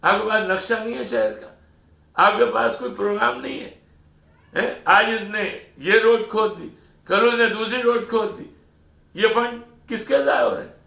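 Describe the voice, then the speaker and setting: A man's voice: high voice, steady tone, gravelly, pushed and bright. A middle-aged man from Pakistan delivering an opinion monologue, lecturing and scolding his listeners with rhetorical questions. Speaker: channel host. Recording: echoey room, voice distant from mic.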